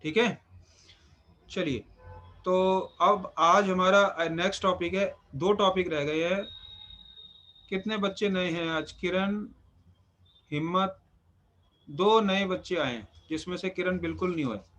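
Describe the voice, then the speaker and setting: A man's voice: high-pitched, takes it slowly, long pauses, fairly bright tone, dull audio. A man teaching an acupuncture class, instructive and repeating phrases for emphasis. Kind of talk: live class lecture.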